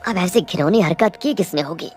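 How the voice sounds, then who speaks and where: Low-voiced woman telling a movie plot, dramatic, chats to viewers like friends. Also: normal speed, darkish tone, soft background music. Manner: storytelling, addresses viewers as friends. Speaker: movie recap narrator.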